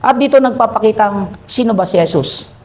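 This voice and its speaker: A male pastor with a notably high voice, preaching in a church. He tells the story with lively emphasis and quick changes of tone, then settles into a calmer, earnest appeal. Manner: animated storytelling, acts out characters. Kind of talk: sermon.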